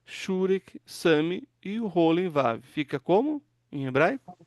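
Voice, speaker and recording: A pastor teaching an online Hebrew class, patiently walking students through word forms and asking them to read aloud. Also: male voice, high-pitched, very animated, takes it slowly, no echo. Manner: patient, explains step by step, asks students to read.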